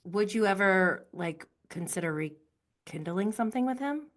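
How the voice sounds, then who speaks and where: A woman's voice: medium pitch, lively intonation, unhurried. A woman interviewing casually, with a sympathetic, informal manner.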